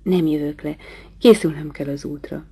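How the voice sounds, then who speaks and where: A woman reads a novel aloud in a low, mellow voice, measured and quiet. The recording is dry and close, with no room echo. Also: fairly even intonation, breathy edge. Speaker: audiobook reader.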